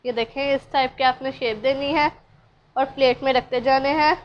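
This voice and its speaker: A woman with a Pakistani Urdu accent hosting a cooking channel, narrating a recipe step by step in a calm, instructive way and addressing viewers directly. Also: high voice, normal speed. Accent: Urdu-speaking Pakistani. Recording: dull lo-fi sound, faint room ambience.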